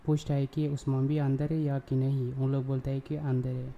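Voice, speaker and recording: A man hosting his own channel, recapping a TV drama episode in casual, halting speech with frequent fillers and self-corrections. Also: mid-range voice, completely flat delivery, dark tone, muffled recording, a little hiss or hum.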